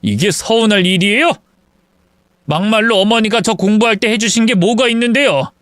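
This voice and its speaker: A fed-up grown son, as a man acts him out, blunt and worn down as he argues with his parents. The voice is smooth and fairly high for a man. The sound is close and dry. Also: normal speed, no echo. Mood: angry. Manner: pleading, then sharp and blunt.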